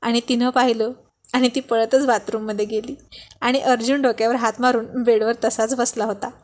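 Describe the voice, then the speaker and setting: High-voiced woman narrating a romance story. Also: moderate pace. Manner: steady narration, mixing English words. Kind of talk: reading a romance story aloud.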